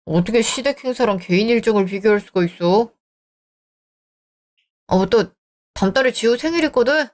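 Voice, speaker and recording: A woman's voice: on the high side, expressive, normal speed, long pauses, a little mellow, natural voice. A woman voicing a selfish young married man who talks in a dismissive, irritated way, in a dramatized story. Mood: scornful.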